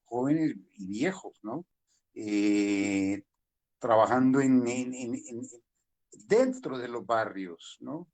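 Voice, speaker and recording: An older man with a Honduran accent, a playwright speaking on a video call panel in a slow, meandering, reflective way. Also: mid-range voice. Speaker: playwright and theater director.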